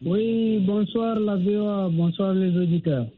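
A man with a high voice phones in to a radio show to give his opinion, speaking formally with many pauses and tag questions, repeatedly saying "n'est-ce pas". The line is tinny, with faint noise and clicks.

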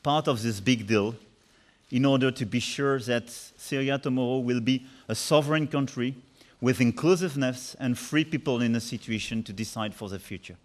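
A man's voice: medium pitch, normal speed. A man making formal political remarks at a news conference.

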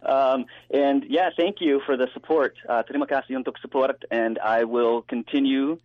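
An American man, a native English speaker, talking casually and haltingly in a phone interview. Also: medium pitch, steady tone, dry recording. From United States. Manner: halting, searching for words. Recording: muffled dry phone interview line.

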